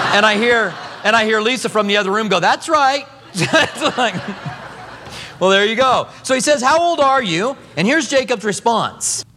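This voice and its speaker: A pastor in his fifties preaches in a bright, high register, his voice rising and falling with lively expression. He talks conversationally and acts out the quotes he tells. His words ring on in a long, reverberant sanctuary. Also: a little slow, a little hiss or hum. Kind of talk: expository sermon.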